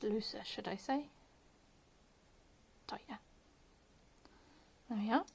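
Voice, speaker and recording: A woman's voice: medium pitch, normal speed, a little hiss or hum. A woman hosting a casual crochet tutorial at home, chatty and self-deprecating, dropping to a murmur while she works. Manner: says she has her posh telephone voice on.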